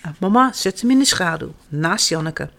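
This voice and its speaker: Woman storyteller for children; expressive, animated, sing-song reading. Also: fairly low pitch, moderate pace, gravelly. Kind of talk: reading children's stories aloud.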